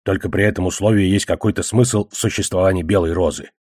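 A man reading an audiobook voices a curt, sardonic wizard in a lower, matter-of-fact tone. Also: steady tone, fast talker, a little mellow, dry recording. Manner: low, dry, matter-of-fact. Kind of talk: audiobook character voice.

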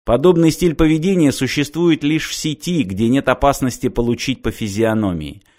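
A man reading the lines of a calm, ironic man who coolly and politely provokes a gang of bullies. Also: mid-range voice, close to an everyday voice. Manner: polite, cool, measured.

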